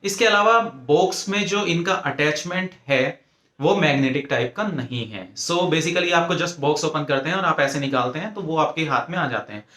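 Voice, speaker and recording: Reviewing a pair of earphones, this tech reviewer speaks with an Indian accent, explaining things point by point in an informal, methodical way with English phrases woven in. His voice is on the high side, at normal speed, with a bright, forceful tone, captured in an echoey, roomy space.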